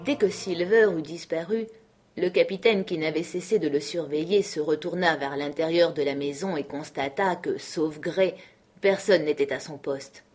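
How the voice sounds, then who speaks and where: Low, husky woman reading a story. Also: normal speed, darkish tone. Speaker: audiobook reader. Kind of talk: scripted narration.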